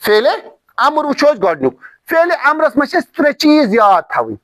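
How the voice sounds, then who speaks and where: A man's voice: very high-pitched, wildly swooping pitch, moderate pace, fairly bright tone, no echo. A man teaching an Arabic lesson, drilling word forms over and over and stressing his examples. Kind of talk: recorded language lesson.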